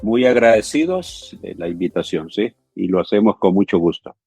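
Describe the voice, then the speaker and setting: A man's voice: on the low side, lively intonation, normal speed, warm tone, slightly rough, faint music behind. A man in his fifties from El Salvador, a pastor talking earnestly in an interview and often checking in with little fillers. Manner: earnest, with frequent fillers like "¿sí?" and "ujú". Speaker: pastor and theological education coordinator. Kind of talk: conversational interview.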